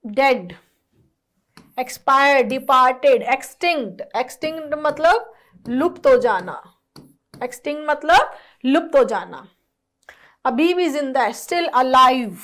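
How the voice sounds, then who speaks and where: High-voiced woman teaching vocabulary. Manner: explains slowly, often checks with "clear?" and "right?"; mixes Hindi explanation with English definitions. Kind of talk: exam-prep lesson.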